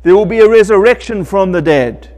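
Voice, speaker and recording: A middle-aged man preaching a sermon as pastor from a lectern in a church sanctuary, slow and emphatic, rising loud and dropping soft. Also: sits high, expressive, long reverb tail. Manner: slow, emphatic preaching with wide swings in loudness.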